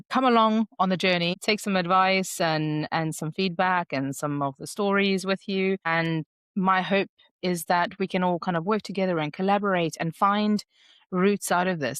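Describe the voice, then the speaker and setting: A woman's voice: fairly low pitch, a bit bright, dry recording, clean studio sound. A woman hosting a solo podcast, talking in a candid, reflective, conversational way. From South Africa. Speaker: podcast host.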